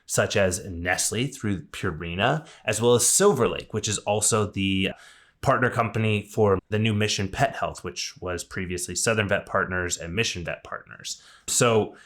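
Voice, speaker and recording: Man, lowish voice, casual news commentary, chatty asides. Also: moderate pace, a bit bright. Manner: conversational, enthusiastic asides. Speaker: vet industry news podcast host.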